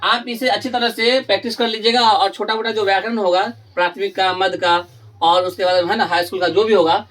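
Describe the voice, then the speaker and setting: A man teaching Hindi grammar in a classroom lesson with students. He repeats each question and answer as a drill and stretches key terms slowly for emphasis. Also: sits high, fairly even intonation, a bit bright.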